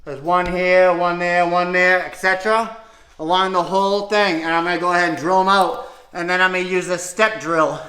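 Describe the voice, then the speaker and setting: A man's voice: high-pitched, steady tone, moderate pace, pushed and bright. A young man casually walking viewers through a car repair in his garage, talking loosely with slang. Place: home garage with a car lift. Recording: echoey garage, faint noise.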